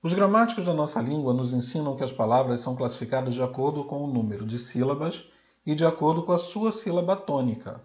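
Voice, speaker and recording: A Brazilian Portuguese man teaching a recorded grammar lesson, sounding out example words slowly and loudly. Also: medium pitch, expressive, muffled recording.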